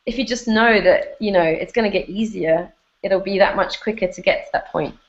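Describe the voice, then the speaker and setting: A woman guest speaks casually on an online hangout, her sentences loose and full of "like". Her pitch sits in a middle range. The audio is dull and lo-fi, as over a web call. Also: fairly quick. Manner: loose, chatty, peppered with "like". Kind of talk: casual conversational interview.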